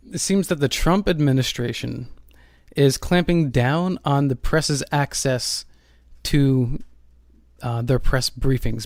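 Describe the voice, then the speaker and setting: A man speaks as the host of a paranormal radio show. His pitch is average and his delivery is conversational, with some hesitation. The sound is very dry. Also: no room sound.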